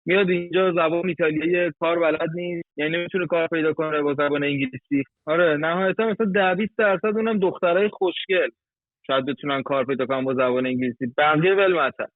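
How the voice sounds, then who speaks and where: A man, a guest in a casual chat, explaining things chattily with rough numbers and everyday examples. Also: a little high, no room sound. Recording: tinny phone-like line.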